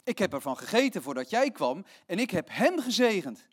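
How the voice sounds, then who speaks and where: An aged father, grave and sorrowful, read by a man in a fairly high voice. He gives his answers briskly, as in a Bible story told during a sermon. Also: very animated, breathy edge, exaggerated voice. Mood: shaken.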